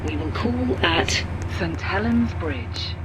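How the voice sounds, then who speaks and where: A woman's voice: on the low side, lively intonation, takes it slowly, very noisy. A woman giving a scripted automated on-board train announcement.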